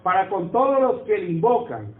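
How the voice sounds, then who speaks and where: A man preaches in a high voice, talking with the congregation and asking them for agreement. The sound is thin and phone-like, with a roomy echo around it. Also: sing-song, normal speed. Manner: conversational, asks the congregation for agreement. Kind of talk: sermon. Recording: echoey room over a tinny phone-like line.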